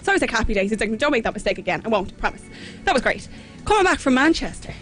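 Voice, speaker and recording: A woman's voice: a little high, sing-song, racing, fairly bright tone, soft background music. An Irish woman co-hosting a radio talk show, chatty and insistent, often laughing. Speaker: radio co-host. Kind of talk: casual on-air chat.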